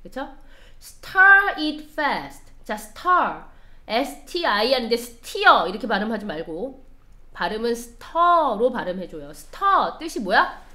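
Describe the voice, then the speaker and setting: A woman's voice: a little high, big pitch swings, slow, sharp tone. A woman teaching an English lesson, explaining line by line and quizzing her students as she goes. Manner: explains step by step, quizzes the class. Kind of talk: classroom lecture.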